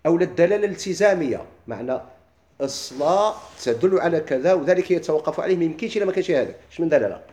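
A middle-aged man with a Moroccan accent, teaching a classroom lesson. He keeps asking his listeners quick questions and then answers them himself. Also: on the high side, expressive, a little mellow, roomy sound. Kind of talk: classroom lesson explaining legal theory.

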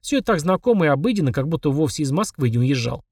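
A man reading a fantasy story aloud, lively, raising his pitch for the girl's lines. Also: very fast, husky, no echo, studio quality, recorded from a distance. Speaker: audiobook reader. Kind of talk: scripted narration.

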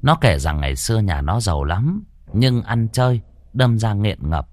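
A man narrating a folk horror story in a lively, colloquial and earthy way. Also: lowish voice, moderate pace.

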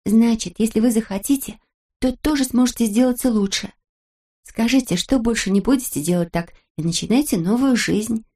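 A woman voicing a kind little girl who speaks softly and coaxingly, as in a storybook. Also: on the high side, moderate pace, voice pushed up, close to an everyday voice. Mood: gentle. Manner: soft, coaxing and affectionate. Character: gentle, kind little girl comforting a friend.

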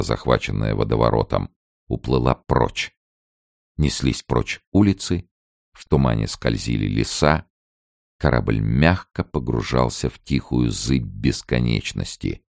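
A man with an extremely deep, gravelly voice narrates a story in a measured, unhurried way. His intonation rises and falls expressively, and the recording is dry and close to the mic. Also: a little mellow, no echo. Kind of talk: literary audiobook narration.

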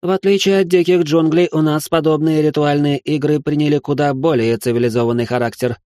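For a comic storybook reading, a man voices a prissy young male aristocrat who's easily shocked, whining and exasperated in a high, strained voice. His own natural voice is dark, brisk and fairly even in intonation. The studio-quality recording has no room sound.

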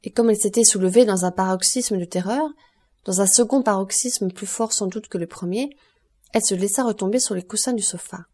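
A woman narrating a classic novel as an audiobook in a measured, expressive storytelling voice. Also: mid-range voice.

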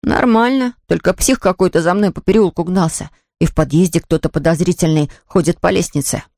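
A woman's voice: lowish voice, brisk, gravelly, a little mellow, no room sound, studio quality. A woman voicing a timid young schoolboy who scares easily, in a whiny, defensive tone.

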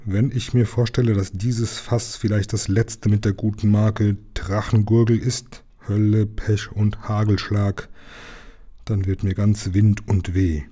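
A gloomy, drunken pirate from a storybook, rough and deep, dragging out every curse, as a man reading aloud puts him on. The tone stays dark and mellow and the pace is slow. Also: flat delivery.

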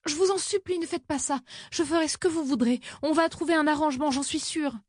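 A posh lady who once looked down on everyone, now plaintive and tearful, voiced by a woman reading an audiobook. Her pleas ride high and thin, in a dry, close recording. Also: normal speed, a little mellow, dry recording. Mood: pleading. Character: whimpering upper-class woman, haughty turned pleading.

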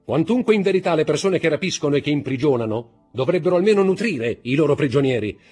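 A man voicing a hungry, indignant middle-aged banker held prisoner, pompous and exasperated, in a husky voice. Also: on the high side, animated, fast, darkish tone, faint music behind, voice pushed up.

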